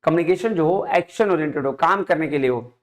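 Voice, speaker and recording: A man teaching an exam prep lesson, going through quiz questions, reading English question text slowly and explaining in quick asides while coaxing students to answer. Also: fairly high pitch. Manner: coaxing, keeps asking students to tell the answer.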